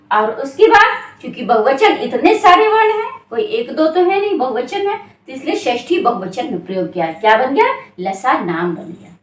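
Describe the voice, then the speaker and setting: High, lively woman teaching slowly in an echoey room. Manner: repeats questions and answers them herself; slow, drawn-out syllables when stressing sounds. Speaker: Sanskrit grammar teacher. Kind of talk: exam-prep grammar lesson.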